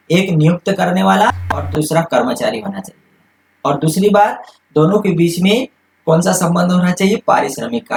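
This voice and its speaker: A man's voice: fairly high pitch, reverberant, low-quality recording. A man teaching a commerce lesson in Hindi, explaining step by step and posing questions that he answers himself. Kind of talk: classroom lecture.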